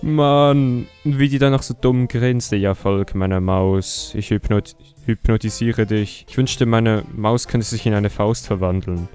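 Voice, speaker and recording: Slow-talking mocking young man. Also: on the low side, music in the background. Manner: mocking, sarcastic, laughs often. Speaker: YouTuber host. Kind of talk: comedic commentary on a chat.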